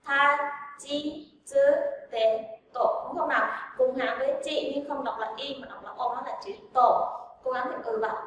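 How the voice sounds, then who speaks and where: A woman's voice: sits high, pushed and bright, slight background noise. A woman teaching a language grammar lesson, drilling examples aloud and asking her students rhetorical questions. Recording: very echoey room, voice from a distance.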